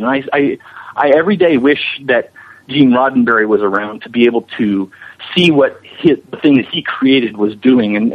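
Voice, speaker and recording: Heard through a muffled, radio-like, band-limited connection, a male visual effects animator recounts anecdotes for an interview. His voice is medium in pitch and slightly rough, and his manner is chatty, enthusiastic and relaxed.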